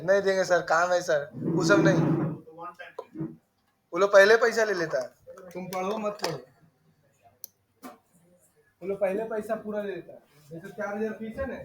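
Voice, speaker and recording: A man from the teaches students in a small computer classroom. He is brisk and scolding. He drifts into chatty side remarks between his instructions. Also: sits high, fairly even intonation, a bit bright.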